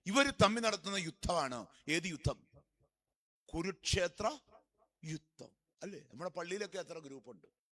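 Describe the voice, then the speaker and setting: High, bright-voiced male preacher quizzing his flock. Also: animated. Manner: quizzes the congregation with rapid questions and answers them himself; swings from soft murmurs to loud exhortation. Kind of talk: sermon. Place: church during a feast.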